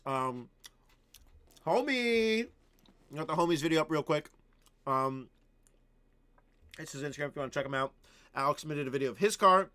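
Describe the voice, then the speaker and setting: A man's voice: fairly high pitch, animated, moderate pace, long pauses, pushed and bright. Chatty male streamer giving video feedback. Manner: chatty, frequent "um" and "right?", coaching tone. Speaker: live stream host reviewing viewer videos. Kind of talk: casual live-stream commentary.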